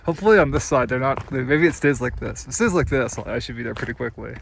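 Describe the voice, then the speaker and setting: A man's voice: mid-range voice, fast talker, creaky, slight background noise. A man filming himself on a backpacking trip, chatting casually and thinking aloud with a self-deprecating chuckle, sometimes out of breath. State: out of breath at times. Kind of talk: casual trail vlog talking to camera. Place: outdoors on high mountain passes and boulder fields.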